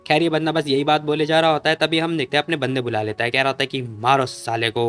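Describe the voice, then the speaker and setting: A man's voice: on the high side, steady tone, racing, fairly bright tone, faint music behind. A man narrating a story recap in a casual, chatty way full of fillers.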